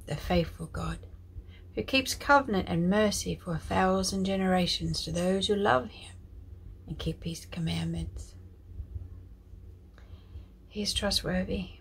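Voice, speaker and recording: A woman sharing a devotional message, reading scripture in a soft, prayerful way that often drops to a whisper. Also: mid-range voice, slightly rough, rough recording. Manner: emotional, tearful at moments. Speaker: ministry leader sharing a prophetic word.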